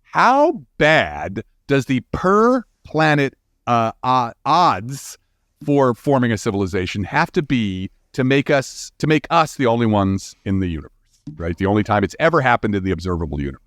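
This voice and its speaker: His pitch sits in the middle with a sing-song lilt, delivered at normal speed. The sound is a bit bright with no room sound. An astrophysicist and author guesting as an expert in an interview, he keeps things informal and emphatic, repeatedly checking in with "right?"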